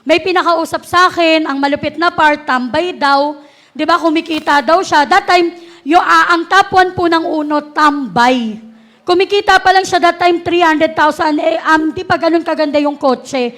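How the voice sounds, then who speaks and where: A woman's voice: very high-pitched, normal speed. A woman tells her life story in a casual way, acting out the dialogue and mixing English words into her talk. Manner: animated, acts out dialogue, mixes English into Tagalog.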